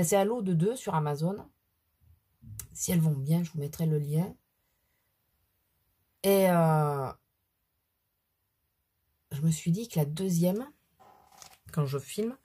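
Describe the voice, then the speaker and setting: A woman's voice: fairly low pitch, warm tone, slightly rough. A middle-aged woman with a cold, chatting casually and rambling through her makeup routine for a beauty vlog. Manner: chatty, rambling, self-deprecating asides. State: has a cold. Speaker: beauty vlogger. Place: at home at her mirror.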